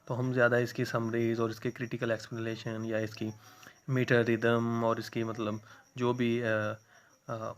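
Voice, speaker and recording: A male English teacher with a Pakistani accent explains a poem to a class, reading each English line slowly and then explaining it in Urdu. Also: mid-range voice.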